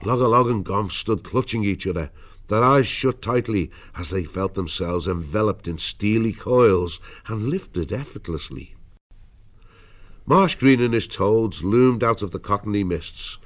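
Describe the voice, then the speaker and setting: Male storybook narrator: lower register, dramatic scripted delivery, soft-edged lo-fi recording. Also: unhurried. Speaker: audiobook narrator.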